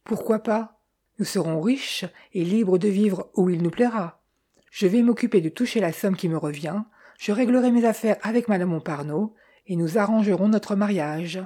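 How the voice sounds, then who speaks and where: A woman voicing a calm, decisive young fiancée who talks in a composed, gently persuasive way. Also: mid-range voice, normal speed, slightly rough, natural voice.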